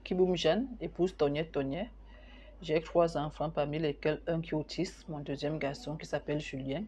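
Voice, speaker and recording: A woman's voice: low voice, steady tone, moderate pace, a little mellow, slight background noise. A woman, a mother and association president, speaking earnestly and reflectively in a documentary interview.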